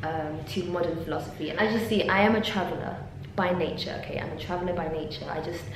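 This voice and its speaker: Here a PhD student from London talks fast in a fairly low voice, keeping her casual vlog chatty and lively with many ums and laughs. She's indoors in a university office lab, speaking first to a camera on the desk and then holding it for selfie shots. Strong echo and a faint hum colour the recording.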